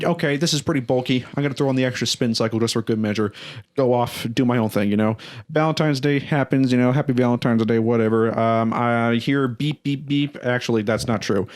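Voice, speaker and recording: A young man hosting a podcast, telling a self-deprecating story in a rambling, casual way with lots of restarts. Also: mid-range voice. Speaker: podcast host.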